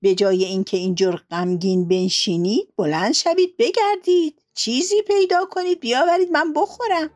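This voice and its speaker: A woman's voice: high-pitched, few pauses, darkish tone, voice pushed up, lightly acted. A woman voicing a bossy, self-important female goose who orders the other animals around in a commanding, scolding way.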